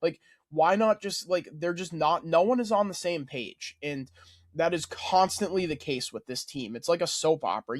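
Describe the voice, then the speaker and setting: Male sports co-host, fired-up ranter with a cursing streak, voice sits a bit high, dry close sound. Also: no room sound. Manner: heated, ranting, swears freely. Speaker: podcast co-host. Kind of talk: casual sports chat.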